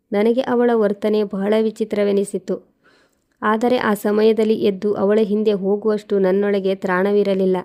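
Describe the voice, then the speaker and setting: Brief: female storyteller, mellow voice with a smooth, clear tone, steady scripted narration. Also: mid-range voice.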